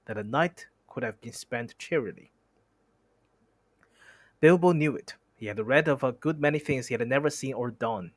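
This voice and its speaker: A man's voice: medium pitch, moderate pace, pauses often, no echo. Man reading a novel aloud, dry sound. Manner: reads steadily, stumbles on words and stops to comment. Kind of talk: reading a book aloud with asides.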